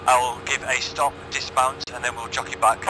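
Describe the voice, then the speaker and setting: A man giving halting military radio callouts with call signs over a crackly radio. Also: mid-range voice, little pitch movement. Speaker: vehicle commander in a military game. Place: online game voice comms. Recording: very noisy crackly radio with vehicle noise.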